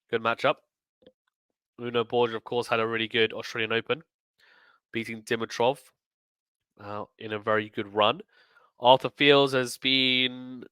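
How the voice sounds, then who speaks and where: A male sports host delivers a casual tournament preview, chatty and emphatic, thinking out loud as he comments. His mid-range voice is bright and forward with a slight croak left from a recent illness, recorded close and dry with no echo.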